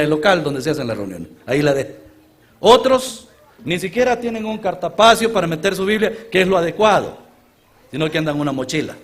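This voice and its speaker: A man from Honduras with a Honduran Spanish accent, preaching as a guest at a church conference. He moves between loud exclamations and low, quiet asides. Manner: earnest storytelling sermon, often addressing listeners as brothers. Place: church conference gathering before a large congregation.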